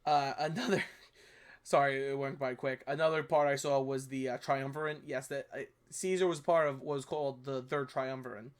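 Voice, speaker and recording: This New York-accented man runs a history review channel and talks through a video casually at normal speed. His mid-range voice has fairly even intonation, and his commentary rambles with self-corrections and apologetic asides.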